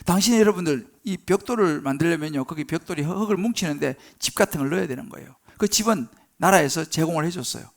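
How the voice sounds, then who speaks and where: A male pastor preaching a sermon in a church, conversational and animated, asking the congregation questions and acting out Bible scenes. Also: fairly high pitch, quick pace, gravelly, hardly any pauses.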